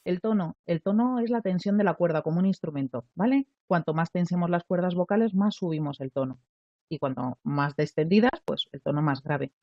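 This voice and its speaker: A woman's voice: lowish voice, a little fast, no room sound, highs cut off. A woman from teaching a live online voice lesson, explaining things step by step and often checking in with listeners. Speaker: voice coach.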